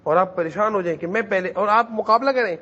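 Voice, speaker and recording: A man's voice: high voice, sharp tone, muffled recording. A man teaching a class of children in a madrasa, who repeats his points and keeps quizzing the kids to answer. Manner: repetitive, questions the children and urges them to answer.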